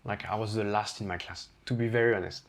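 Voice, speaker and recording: A man's voice: lowish voice, fast, creaky. A man with a French accent, a chef guest on an interview podcast, talking candidly and acting out the voices in his stories. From France. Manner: candid, animated, acts out quoted lines. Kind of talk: casual storytelling interview.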